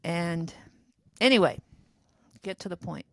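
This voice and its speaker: A woman's voice: fairly low pitch, animated, measured pace, no echo. Older woman rambling through an anecdote. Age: 70s. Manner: rambling, self-deprecating storyteller. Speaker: podcast co-host telling diary stories. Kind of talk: casual storytelling chat.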